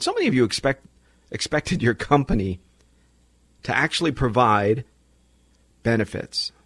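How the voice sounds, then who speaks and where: A male talk radio host speaks in an informal monologue with a slightly rough-edged voice. He is emphatic, repeating himself and posing rhetorical questions. The sound is dry and close. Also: mid-range voice, no echo.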